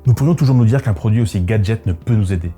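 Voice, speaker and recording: A motorcycle vlogger delivers scripted narration in the first person, reflective and conversational. His voice is on the low side, warm and fast, and music plays behind it.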